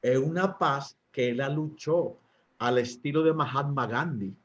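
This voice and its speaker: A Dominican man, a priest, teaching couples in a talk, often pausing with fillers and asking his listeners rhetorical questions. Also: mid-range voice, dull audio. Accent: Dominican Spanish. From Dominican Republic. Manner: asks the audience rhetorical questions, hesitates with fillers.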